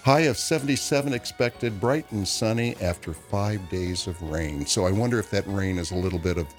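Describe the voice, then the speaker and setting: A low-pitched American man chats as a radio host, folksy and effusive. His talk is casual, with faint music around it. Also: brisk.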